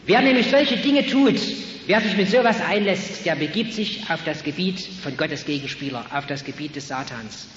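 A high-voiced man preaches with fervour, rising to ringing calls and dropping to hushed, earnest words. His voice carries through a large, reverberant hall. The recording sounds muffled and slightly hissy, like an old tape. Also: expressive, normal speed. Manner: emphatic, swings between loud calls and quiet earnest tones. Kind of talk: evangelistic sermon.

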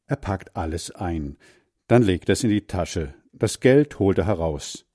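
Male storybook narrator, unhurried, lively intonation. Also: deep voice, dry recording, clean studio sound. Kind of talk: reading a children's story aloud.

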